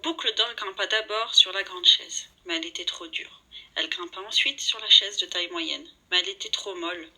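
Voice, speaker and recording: A woman reads a children's story aloud with lively energy. Her tone is very bright and has a husky edge. She slips into the characters' lines as she narrates. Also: mid-range voice, a little fast, rough recording.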